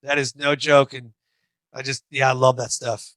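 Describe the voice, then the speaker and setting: A man in his forties, a podcast guest, talking in an energetic, rambling way. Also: mid-range voice, normal speed, no room sound. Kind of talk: casual interview chat.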